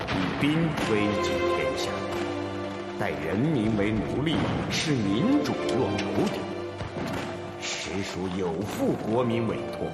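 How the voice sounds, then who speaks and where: A fiery revolutionary leader. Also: male voice, fairly low pitch. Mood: proclaiming. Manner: vehement, stammers when enraged, swings from mutter to shouting. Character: fiery middle-aged male revolutionary leader, stubborn. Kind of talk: historical TV drama acting.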